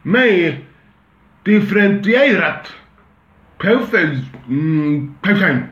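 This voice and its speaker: A man putting on a mocking voice of a slow, dim-witted male official with a silly drawl. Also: animated, a bit bright, reverberant, dull audio. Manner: slow, halting, high-pitched.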